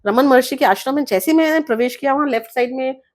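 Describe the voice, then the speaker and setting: A woman's voice: sits high, very fast, a little mellow. A woman guest telling a personal story in an interview, earnest, often mixing English words into her speech. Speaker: guest author.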